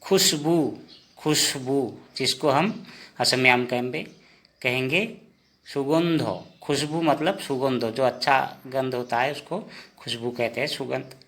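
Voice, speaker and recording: A male teacher takes learners through a vocabulary list at an unhurried crawl. He says every word two or three times. His voice sits at an ordinary middle pitch. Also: a bit bright. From India. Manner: slow, repeats each word several times. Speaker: language teacher. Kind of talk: slow spoken vocabulary lesson.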